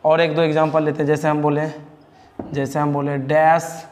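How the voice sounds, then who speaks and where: A male teacher with a Bihari Hindi accent, his voice sitting a little high as he drills a grammar lesson. He keeps asking the class a question and answering it himself, repeating key terms. The sound carries a long reverberant tail. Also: little pitch movement, moderate pace, a little mellow, slight background noise.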